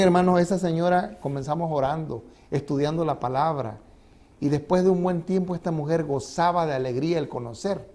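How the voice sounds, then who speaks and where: A man's voice: a little high, mellow. Emphatic male pastor preaching. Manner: emphatic, rising and falling delivery. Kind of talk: sermon. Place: church.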